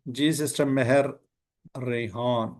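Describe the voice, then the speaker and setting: Male teacher on a video call, steady mid-pitched voice, keeps quizzing the class patiently. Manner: patient, quizzing students with repeated questions. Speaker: Quran and Arabic grammar teacher. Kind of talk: online class lesson.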